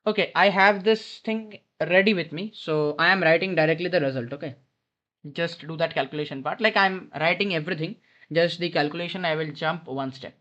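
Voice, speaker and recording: A fairly high-pitched man with a sharp tone speaks a little fast while informally tutoring maths in an airport lounge. Working a problem out loud, he often corrects himself; his headphone mic sounds dull and lo-fi.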